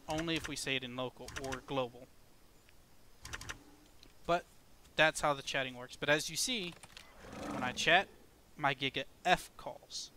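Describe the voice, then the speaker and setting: A man's voice: mid-range voice, unhurried, long pauses, sharp tone, slight background noise. A man giving casual gameplay commentary, explaining things step by step in a laid-back way with plenty of swearing. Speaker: gaming video host.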